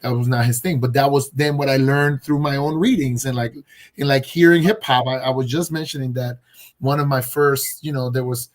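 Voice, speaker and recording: A man's voice: mid-range voice, steady tone, normal speed. Reflective man telling his story. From Colombia. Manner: reflective, storytelling, many fillers and restarts. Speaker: guest. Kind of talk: casual conversation on a video call. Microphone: video call.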